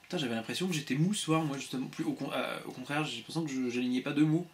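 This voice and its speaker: A man hosting a casual livestream from a home room on a laptop webcam, reading viewers' messages aloud in a quick, playful way with many restarts. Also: a little high, slight background noise. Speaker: livestream host. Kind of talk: casual live chat with viewers. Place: home room with shelves of CDs.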